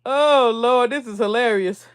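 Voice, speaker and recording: A woman's voice: a little high, a little slow. A woman hosting her own livestream, chatting casually with viewers, reading their comments aloud and laughing often. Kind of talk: casual live chat.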